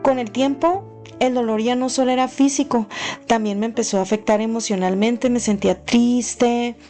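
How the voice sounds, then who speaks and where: A woman earnestly narrating her own paranormal story, unhurried and full of fillers. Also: a little high, steady tone, dark tone, soft background music. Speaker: channel host.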